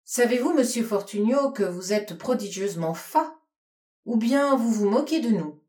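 A woman reading a storybook, voicing a coquettish young courtesan who asks coaxing, piqued questions in a higher voice. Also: animated, normal speed, warm tone, echoey room, natural voice.

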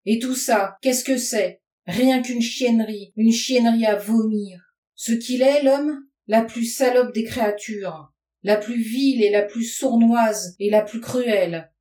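Un jeune homme amer et furieux, qu'une femme interprète en lisant, hurle son dégoût de l'humanité. La voix monte et force, portée par un enregistrement lointain et réverbéré. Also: female voice, sits high, takes it slowly, pitched above the performer's own voice. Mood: méprisant. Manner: shouting, scornful tirade. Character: furious, bitter young man raging against mankind. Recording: roomy sound from a distance.

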